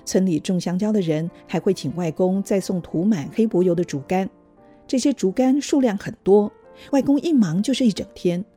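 Husky-voiced woman storyteller. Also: medium pitch, normal speed, soft background music. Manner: gentle, even storytelling. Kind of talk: scripted storybook narration.

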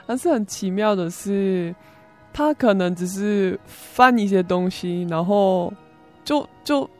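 A young Korean woman shares a personal story in conversation, speaking Mandarin as a foreigner with a Korean accent. Her phrasing is simple and halting, with words often repeated, and her pitch sits at an average height. Music plays behind her. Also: animated. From South Korea. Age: young adult. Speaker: interview guest, student.

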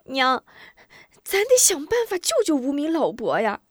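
A woman voicing an eager young boy who pleads urgently in a high, loud voice. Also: huge pitch swings, a little slow, no room sound, studio quality, exaggerated voice.

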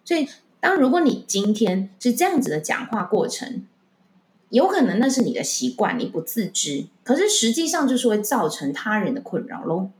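A woman's voice: on the high side, big pitch swings, normal speed, roomy sound. A woman, a speech and voice coach giving speaking tips on a podcast, full of rhetorical questions to her listeners.

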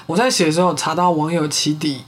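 A man with a high voice walks through a criminal case on his podcast. His tone is husky and slightly breathy. He talks casually and leans on fillers as he sums up each turn of the story. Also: quick pace. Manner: recounts a case, with filler-heavy chat. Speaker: podcast host. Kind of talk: casual true-crime storytelling.

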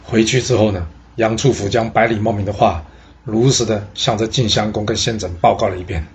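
Guy telling an old history story, lively and exclamatory, lots of drawn-out "ah"s. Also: on the low side. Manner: exclamatory, many drawn-out particles.

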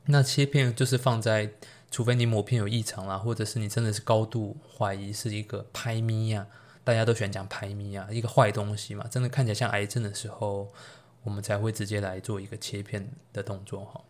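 A man with a somewhat low voice and a Taiwanese Mandarin accent talks as a doctor on his own podcast. He explains medical causes in a relaxed, chatty way and keeps slipping in jokes and playful asides. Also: fairly quick. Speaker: doctor hosting a health podcast. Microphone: solo podcast recording.

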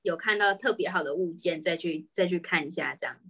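A woman's voice: lowish voice, brisk, fairly bright tone, slightly rough. A woman with a Taiwanese Mandarin accent chatting casually, opinionated and emphatic as she talks. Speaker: podcast co-host. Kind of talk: casual chat.

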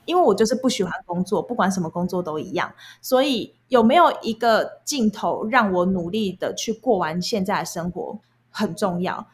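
A woman's voice: medium pitch, expressive, normal speed, husky. A young adult woman speaks with a Taiwanese accent in a mid-range voice. She tells stories casually and candidly, explaining things in an everyday conversational way. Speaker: guest recounting past jobs.

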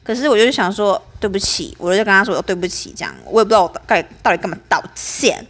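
A woman's voice: mid-range voice, rapid-fire. A young woman, telling a story as a podcast host in a chatty, aggrieved way.

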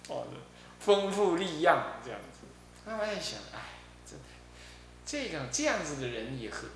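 Taiwanese Mandarin abbot, chatty dharma talk, very lively pitch, chuckles often, roomy recording with faint hum. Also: male voice. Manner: chatty storytelling with frequent chuckles. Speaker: Buddhist abbot.

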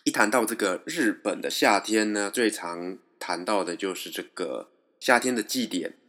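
A man's voice: lowish voice, slow pace, fairly bright tone. A man teaching pronunciation step by step in a patient lesson, moving between two languages as he explains.

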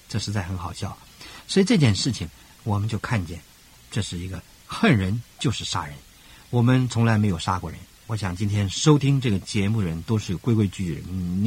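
An older man preaching a radio sermon as pastor, emphatic, with rhythmic parallel phrasing and sudden rises in pitch. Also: slightly rough.

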